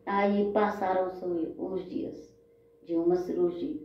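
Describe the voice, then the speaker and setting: A woman's voice: lowish voice, level tone, slow pace. A Brazilian woman shares her personal story in a heartfelt, rambling way, often turning to her listeners. The sound is dull and lo-fi, with strong echo around her voice. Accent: Brazilian Portuguese. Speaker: storyteller sharing her life.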